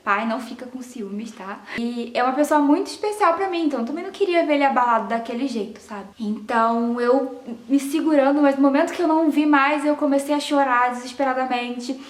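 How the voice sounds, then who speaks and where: A young woman from Brazil telling a personal story to her viewers in an animated, emotional way. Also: high voice, fairly quick. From Rio de Janeiro, Brazil. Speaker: vlogger. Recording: echoey room.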